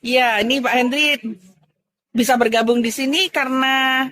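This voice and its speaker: Chatty lady interviewer, highish voice, exclaims a lot, encouraging. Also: fairly even intonation, normal speed, fairly bright tone.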